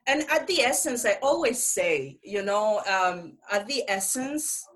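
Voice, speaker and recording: A woman's voice: mid-range voice, big pitch swings, unhurried, fairly bright tone, poor audio. A woman from Algeria hosting a podcast interview, enthusiastic and chatty, laughing often. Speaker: podcast host. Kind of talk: casual interview chat.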